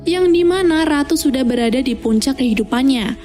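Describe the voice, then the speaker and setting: A woman's voice: high voice, lively intonation, a little fast, darkish tone, soft background music. A woman narrating a film plot recap as scripted storytelling.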